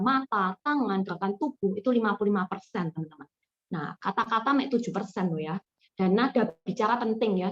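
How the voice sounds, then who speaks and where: A woman leading an online sales training and talking warmly to her trainees, dropping in English words. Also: mid-range voice. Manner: lively, addresses listeners warmly as friends, mixes in English words. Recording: dull lo-fi call audio.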